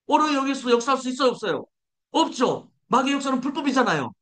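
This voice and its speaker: A man's voice: very high voice, a bit bright. A man preaching a sermon as pastor, leading the congregation in declarations and asking rhetorical questions he answers himself. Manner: declarative, leads congregation in call-and-response.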